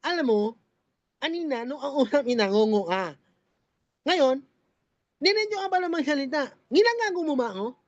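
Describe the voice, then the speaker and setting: Chatty high-voiced woman telling a joke. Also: expressive, moderate pace, long pauses, dry recording, highs cut off. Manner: chatty, addresses viewers directly, laughs often. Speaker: network marketing vlogger. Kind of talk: casual joke storytelling to viewers.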